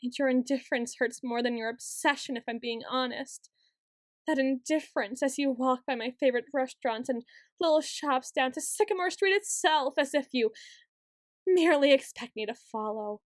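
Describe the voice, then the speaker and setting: A woman's voice: sits high, normal speed, dry recording, clean studio sound, close to an everyday voice. A woman playing a paranoid, obsessive young yandere student in an ASMR role-play, stammering, pleading and accusing as she repeats her words insistently. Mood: bitter, obsessive. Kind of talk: ASMR role-play monologue, acted straight to the listener.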